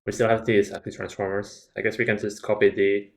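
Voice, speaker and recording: A man chatting casually while building in a game, calmly thinking through plans. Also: lowish voice, brisk, vocal fry. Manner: thoughtful, plans things out calmly. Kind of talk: casual gaming chat.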